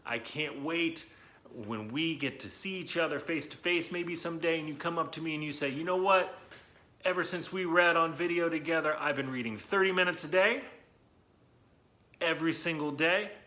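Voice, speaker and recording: This man's voice sits on the high side with a sharp tone and a moderate pace. Hosting a children's read-aloud, he talks directly to young viewers in an enthusiastic, encouraging way, elongating words to stress them.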